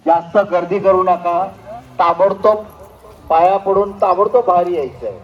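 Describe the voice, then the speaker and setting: A man announcing at a temple fair through a loudspeaker, formally instructing the crowd and welcoming guests. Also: sits high, a little slow. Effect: through a public-address loudspeaker. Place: outdoor village temple fair. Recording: muffled loudspeaker amid a crowd.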